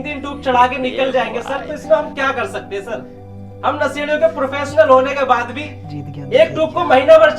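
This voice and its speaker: A man's voice: very high voice, fairly bright tone, roomy sound. A man playing a sluggish male leader of drug addicts in a comedy sketch, pleading "sir" at every turn, over music.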